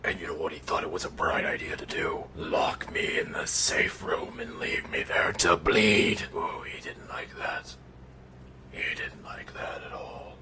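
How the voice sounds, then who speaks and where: In a deep, unhurried voice, a man plays a bitter, unhinged undead animatronic killer father telling an ASMR bedtime story. The gravelly, theatrical performance has a sinister, hushed mood, swinging from menacing murmurs to outraged outbursts.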